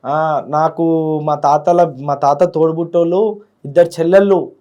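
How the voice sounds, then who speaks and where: A man's voice: fairly high pitch, fairly even intonation, measured pace, mellow. A young man, a student leader speaking in an interview with heartfelt feeling and often repeating his words. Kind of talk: emotional interview.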